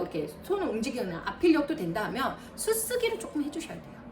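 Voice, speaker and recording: A woman math tutor giving a lively lesson to parents, counting aloud and talking straight to mothers. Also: fairly high pitch, distant mic. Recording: roomy, a bit off-mic, faint noise.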